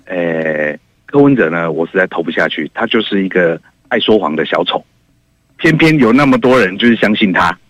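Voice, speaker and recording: A man calling in to a radio talk show, answering in a halting way with many fillers. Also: sits low, lively intonation, fairly bright tone, no room sound, muffled recording. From Taiwan. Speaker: caller.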